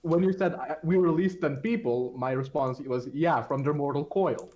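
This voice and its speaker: A man's voice: on the high side, moderate pace, dark tone. A man playing a tabletop game over voice chat, laughing and swearing. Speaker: player. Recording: dull lo-fi mic with faint hiss.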